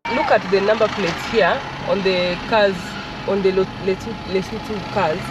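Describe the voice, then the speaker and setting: A woman's voice: medium pitch, fairly even intonation, moderate pace, highs cut off, loud music behind the voice. A woman with a Kenyan accent giving casual, observational travel commentary, often repeating her phrases. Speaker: travel vlogger. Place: inside a vehicle on the road. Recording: noisy moving vehicle, distant mic. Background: loud road and traffic noise.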